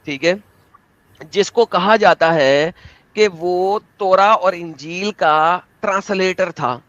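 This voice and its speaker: A man's voice: sits high, slow pace, a bit bright, no echo. A young man hosting an online debate, talking in a theatrical, emphatic and combative way over a video call. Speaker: debate host. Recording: dull lo-fi dry sound.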